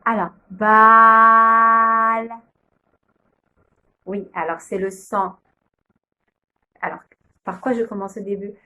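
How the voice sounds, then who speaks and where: Through narrow, tinny audio comes a young woman's medium-pitched, slightly rough voice with a steady tone. She's a kindergarten teacher patiently sounding out letters and syllables at a slow pace in a phonics video.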